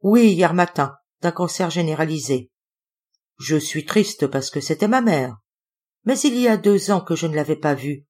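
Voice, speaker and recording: A woman's voice: sits low, expressive, moderate pace, darkish tone. Brief: woman voicing a grieving older lady, scolding then tearful, audiobook character. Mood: tearful confiding.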